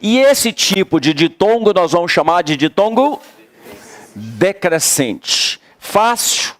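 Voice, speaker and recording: A man's voice: high voice, big pitch swings, slow, no echo. A man with a Brazilian accent teaching a class, emphatic, repeating key words and quizzing his students. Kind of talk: classroom lecture.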